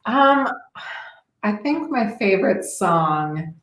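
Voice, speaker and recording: A woman's voice: mid-range voice, sing-song, slow pace, reverberant. A woman chatting casually in a shy way, laughing lightly as she answers. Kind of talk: casual chat.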